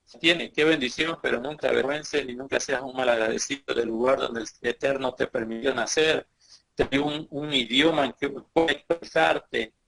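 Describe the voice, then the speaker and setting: Male congregation teacher, gravelly voice, earnest sermon with emphatic swells. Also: mid-range voice, fairly bright tone. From Bolivia. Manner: earnest, repetitive exhortation with rising emphatic bursts.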